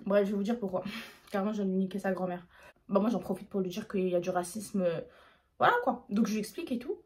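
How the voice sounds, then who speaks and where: Fast-talking young French woman. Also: medium pitch. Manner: fast, slangy, animated retelling. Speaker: YouTuber. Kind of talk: casual storytime vlog.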